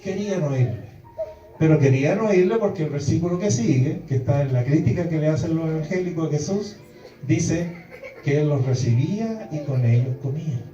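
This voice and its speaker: A man's voice: a little high, animated, moderate pace, dark tone. A man preaching a sermon to a congregation, emphatic and often breaking into exclaimed quotes. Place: church hall before a congregation. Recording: distant, echoey, dull hall recording with faint music.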